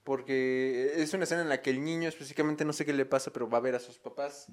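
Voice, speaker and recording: A man's voice: medium pitch, fairly even intonation, fast. Joking Mexican man in casual chat. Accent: Mexican Spanish. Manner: joking, slangy and laughing often, with loud mock shouts.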